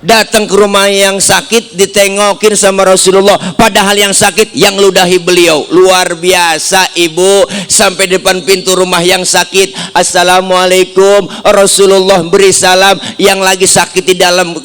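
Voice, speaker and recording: Funny preacher guy, bit of a high voice, cracking jokes at the ladies in the crowd. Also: flat delivery, normal speed, clean tone, soft background music. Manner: jokey, talks straight to the women in the crowd, drops low and quiet for asides. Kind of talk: comic sermon to a village audience. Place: live religious gathering in a village.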